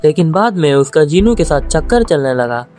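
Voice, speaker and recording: A man's voice: fairly high pitch, very animated, normal speed, a little mellow, faint music behind. A man voicing Minseong, a spiteful teenage schoolboy who talks with sneering contempt, in a story recap.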